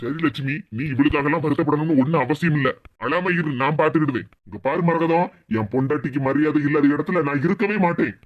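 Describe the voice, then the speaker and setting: A woman's voice: low voice, fast talker, hardly any pauses, highs cut off. A woman voicing a stern, protective older brother in a cartoon who scolds in a Tirunelveli Tamil accent. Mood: angry.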